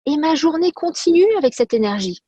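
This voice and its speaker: A woman personal development coach giving an energetic motivational talk, repeating key phrases and asking rhetorical questions. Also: sits high, fairly quick, no echo, highs cut off.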